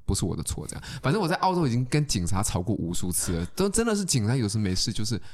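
A man chatting casually, telling an animated story, often laughing and stammering when he gets worked up. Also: on the low side, racing. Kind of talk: casual chat. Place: lives in Australia.

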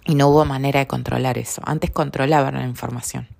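A woman with a Rioplatense Spanish accent hosting a reflective spiritual podcast, speaking calmly and often checking in with her listeners. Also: extremely low pitch, gravelly. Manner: calm, unhurried, often seeks agreement with tag questions. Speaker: podcast host.

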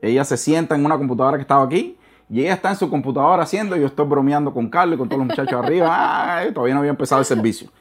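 Quick guy in his 30s rattling off a story, repeats himself a lot, drops english words in. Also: a little high. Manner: animated storytelling with many restarts and repetitions. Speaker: interview guest. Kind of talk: casual testimony interview.

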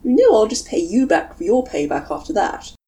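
A woman's voice: medium pitch, very animated, fairly quick, warm tone, pitched above the performer's own voice, natural voice. A woman voicing a dramatic, gallant young man who talks in flowery, grandiose phrases.

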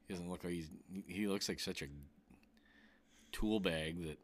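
A man in his thirties trading casual sports talk, blunt and profane, given to heated rants. His voice sits a bit low. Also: steady tone, measured pace. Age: 30s.

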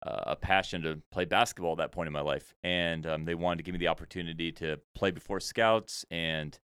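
Deep, smooth-voiced man telling stories. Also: steady tone, a little fast, fairly bright tone, no echo, studio quality. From Senegal. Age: 30s. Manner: easygoing, humorous storyteller. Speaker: podcast guest. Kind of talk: conversational storytelling.

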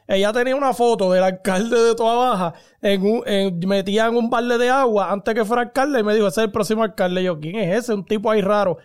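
A man with a Puerto Rican accent, chatting casually on a podcast and telling lively stories full of slang. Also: sits high, brisk, few pauses, clear, resonant tone. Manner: animated storytelling with slang. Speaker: podcast host. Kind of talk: casual chat.

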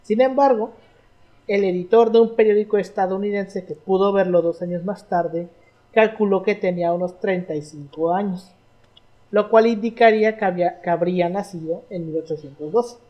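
A woman's voice: medium pitch, normal speed, highs cut off. Young Mexican woman, slangy storyteller. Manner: slangy, storytelling, reads history notes. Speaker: podcast co-host. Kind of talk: casual history chat.

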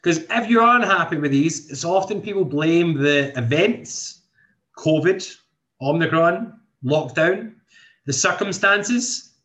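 A man's voice: a little high, lively intonation, slow pace, bright, forceful tone. A man, hosting a motivational podcast in an earnest way, thinking aloud with many restarts. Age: 20s. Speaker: podcast host and coach. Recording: dull lo-fi sound.

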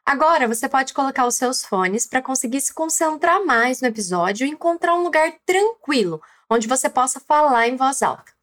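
A woman's voice: high voice, expressive, normal speed, fairly bright tone. A woman with a Brazilian Portuguese accent hosting a language lesson podcast, encouraging the listener to repeat after her. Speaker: Spanish teacher and podcast host.

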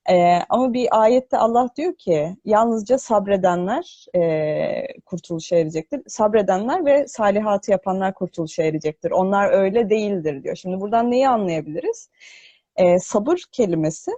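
Woman with a mellow voice in heavy echo. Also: medium pitch, expressive. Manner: explanatory, hesitant with thinking pauses. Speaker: host of a religious discussion broadcast. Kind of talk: unscripted religious talk, explaining scripture. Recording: echoing voice, muffled online audio.

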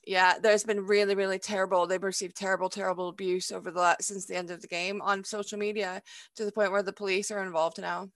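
A woman's voice: medium pitch, little pitch movement, fast talker, no room sound. Chatty woman, dry sound. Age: 30s. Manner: chatty, frequent tag questions. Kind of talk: casual chat.

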